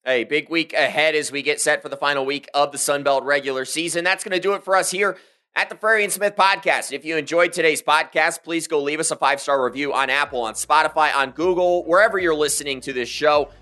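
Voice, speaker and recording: Bright, upbeat sports podcast host man. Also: a little high, quick pace.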